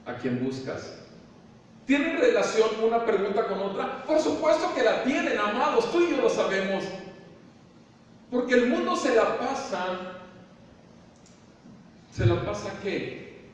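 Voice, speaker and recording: A man with a Mexican Spanish accent preaching a sermon as pastor, asking rhetorical questions and dropping at times to a soft, slow voice. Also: very high voice, animated. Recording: echoey hall from far off, faint room noise.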